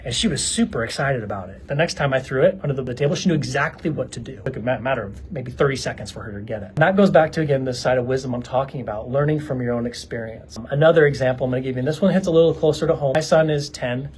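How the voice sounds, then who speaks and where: A man in his thirties tells personal stories as a vlogger, speaking earnestly and directly to his audience. His voice sits in an ordinary middle pitch, with a faint noise bed underneath. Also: very fast, few pauses, darkish tone, low-quality recording. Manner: earnest, conversational, addresses viewers directly. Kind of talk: reflective personal storytelling to camera.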